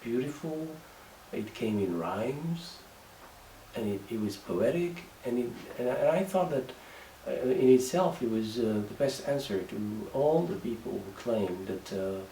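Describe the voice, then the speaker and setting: A Moroccan writer, a man whose native language is Moroccan Arabic, speaks English with a Moroccan accent in a halting interview monologue full of fillers and restarts. His medium-pitched voice is animated and warm. The room is echoey, the mic sits at a distance, and there's faint background noise.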